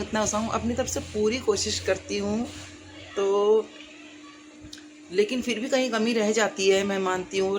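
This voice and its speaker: A woman's voice: medium pitch, a little hiss or hum. Earnest woman vlogger talking to viewers. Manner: earnest, heartfelt, rambling with many fillers. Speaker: YouTuber. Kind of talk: casual talk to viewers.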